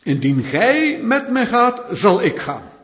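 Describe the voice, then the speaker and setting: A man's voice: very high-pitched, very animated, takes it slowly, a bit bright, voice pushed up, exaggerated voice. A man voicing a cautious army leader who hesitantly sets conditions before going. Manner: hesitant, bargaining.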